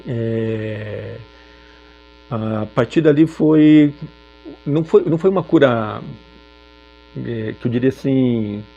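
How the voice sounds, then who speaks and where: A man from Brazil sharing a personal testimony in a reflective, halting way with frequent filler pauses. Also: mid-range voice, vocal fry, mellow, highs cut off. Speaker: speaker sharing a personal story.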